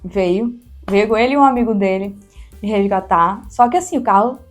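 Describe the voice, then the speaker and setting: A woman's voice: medium pitch, moderate pace, soft background music. A young Brazilian woman with a Brazilian Portuguese accent, chatting animatedly as an interview guest and telling a story to her viewers. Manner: animated, chatty, addresses listeners as "gente". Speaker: YouTuber guest.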